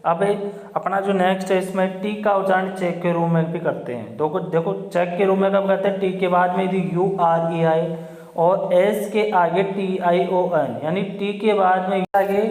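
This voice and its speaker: Male teacher, high voice, spells words out and quizzes himself, long room reverb. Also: steady tone, normal speed, darkish tone. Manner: spells words letter by letter, asks and answers himself. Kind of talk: spoken lesson on English phonics. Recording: roomy echo with long reverb.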